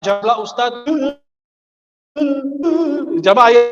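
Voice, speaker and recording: Guy preaching in a funny storytelling way, really high voice, dull lo-fi sound. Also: drawn-out words, reverberant, music in the background. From Egypt. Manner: lively storyteller who acts out the people in his stories. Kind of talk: humorous Ramadan sermon with anecdotes. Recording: dull lo-fi recording.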